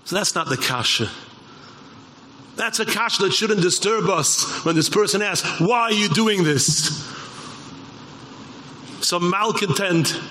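Impassioned rabbi, high-voiced man. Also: expressive, slow, long pauses, a little hiss or hum. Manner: impassioned, rising to shouts. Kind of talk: Torah lecture.

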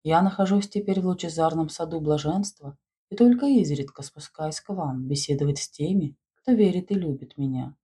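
A woman voicing a mysterious male spirit from beyond the grave, speaking in slow, solemn phrases. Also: low voice, mellow, slightly rough.

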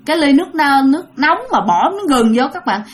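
A woman voicing a stern older mother-in-law who speaks bluntly and slowly. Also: high voice, expressive.

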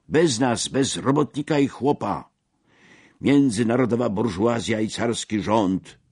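Brief: a man doing a fiery agitator stirring up workers, husky voice, dry and close, lively pitch. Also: no room sound, full character voice. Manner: rousing, declamatory speech with shouted slogans. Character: fiery male revolutionary agitator addressing workers.

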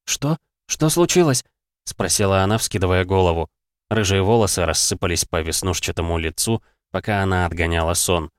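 A man narrating an audiobook in a steady, even reading voice. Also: sits low, a little fast, smooth, no room sound, clean studio sound. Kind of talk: scripted narration.

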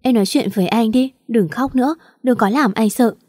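A woman voicing a gentle young man who soothes his crying girlfriend in a soft, calm way. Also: a little high, a little fast, dry recording, clean studio sound, close to an everyday voice. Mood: soothing.

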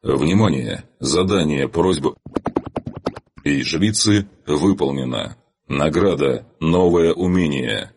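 A man voicing a game's system announcement in a flat, measured manner. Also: extremely low pitch, background noise, full character voice. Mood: formal.

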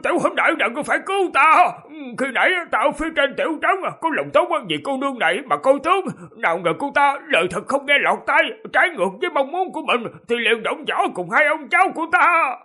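A man reading a storybook, voicing a pleading old male fortune-teller in a high, strained voice. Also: very animated, bright, forceful tone, exaggerated voice. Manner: pleading and hurried.

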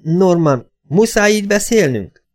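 A man voicing a frail but domineering old mother in an audiobook, indignant and shrill. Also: lively intonation, a little mellow. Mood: commanding. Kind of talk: audiobook character voice.

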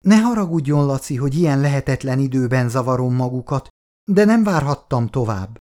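A man's voice: medium pitch, animated, mellow, lightly acted. A man voicing a distraught middle-aged mother who pleads in a breaking, tearful voice. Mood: pleading, tearful.

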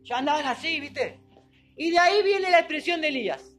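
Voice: high voice, animated, brisk, a bit bright. Preacher, chatty sermon, echoey room, faint music behind. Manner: conversational, asks the congregation questions, acts out scenes.

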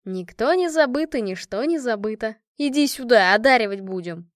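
A woman's voice: fairly high pitch, animated, normal speed, no echo, studio quality, lightly acted. A woman reading the part of a squad commander in an audiobook, giving an affectionate, joking toast to her friend. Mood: teasing. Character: commander of a women's squad, warm and teasing.

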